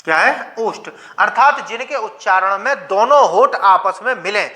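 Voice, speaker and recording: Male teacher, high bright voice, lecturing, answers his own questions, sounds out letters one by one. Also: animated. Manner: asks questions and answers them himself, sounds out letters slowly. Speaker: Hindi grammar teacher. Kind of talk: classroom lecture.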